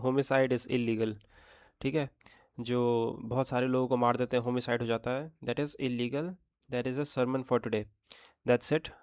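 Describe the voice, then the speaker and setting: A man's voice: medium pitch, a little mellow, clean tone. A man teaching exam vocabulary in a chatty online lesson, often checking in with his students. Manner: chatty teaching in Hindi mixed with English terms; checks in with rhetorical "theek hai?".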